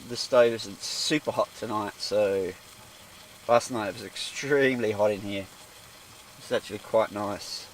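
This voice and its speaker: A man's voice: fairly low pitch, measured pace, slight background noise. A man, chatting casually to the camera inside a small tent with a wood stove and rambling in self-deprecating asides. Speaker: outdoor vlogger. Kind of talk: casual solo vlog commentary.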